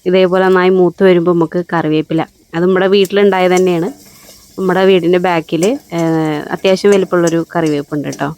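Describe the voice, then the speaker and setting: A woman cooking vlogger narrates her home cooking in a casual, chatty way. She speaks slowly and gently, her fairly low voice slightly hoarse from a lingering cough, with fairly even intonation.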